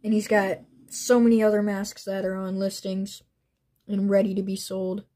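A young woman showing off collectible figures and masks, gushing with excitement and often trailing off mid-sentence. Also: mid-range voice, normal speed. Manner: gushing, breathless, trailing off and restarting. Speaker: toy collector vlogger. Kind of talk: excited unboxing vlog.

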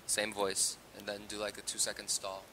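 A man's voice: lowish voice, monotone, normal speed, bright, forceful tone, a little hiss or hum, poor audio. A man directing a voice recording, giving direct, practical instructions in a casual way.

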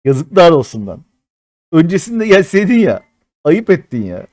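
A man in his thirties doing live-stream commentary as a mobile game streamer, excitable and chatty with his viewers, swearing often. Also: on the high side, moderate pace, dry recording, clean studio sound. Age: 30s.

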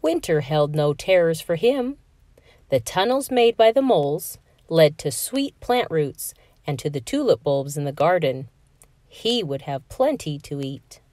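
A woman reading a children's picture book aloud in an expressive, sing-song storytelling manner. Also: low voice, a little slow, dry recording, studio quality.

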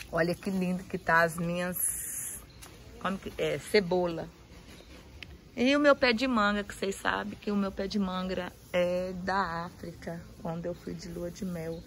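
A woman's voice: on the low side, steady tone, measured pace, pauses often, slight background noise, low-quality recording. A woman giving a casual garden tour for her vlog outdoors, gushing over each plant and repeating her praise as she films on a handheld phone. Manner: effusive, admiring, repeats praise often.

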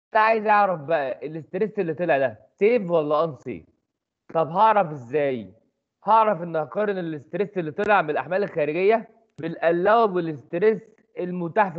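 Man, Egyptian accent, high voice, rapid lecture delivery, muffled lo-fi recording. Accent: Egyptian Arabic. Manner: quick, chatty explaining with rhetorical questions. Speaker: engineering tutor.

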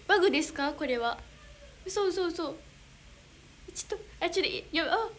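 A woman's voice: extremely high pitch, lively intonation, moderate pace, fairly bright tone, a little hiss or hum. A young woman with a Kansai accent, chatting casually on a livestream as an idol, reading fan comments in a bubbly, giggly, easily flustered way. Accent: Kansai Japanese. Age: young adult.

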